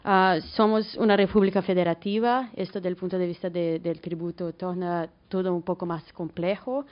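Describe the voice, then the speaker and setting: A woman with a fairly low voice and a Brazilian Portuguese accent gives an academic talk. She speaks portuñol, Spanish mixed with Portuguese, and searches for words as she goes. The audio is a little dull. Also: steady tone, normal speed. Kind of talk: conference talk.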